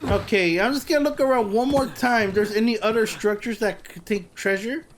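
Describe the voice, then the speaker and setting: A man narrating his gameplay in chatty let's play commentary, bursting with excitement over weapons. Faint game ambience sits behind him. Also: high voice, brisk, slight background noise.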